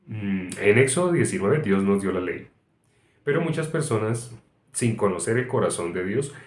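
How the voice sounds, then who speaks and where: Low-voiced man teaching a Bible lesson. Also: expressive, moderate pace. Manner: explains through an extended example, frequent "eh" hesitations. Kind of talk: sermon-style Bible teaching. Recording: roomy echo, faint background noise.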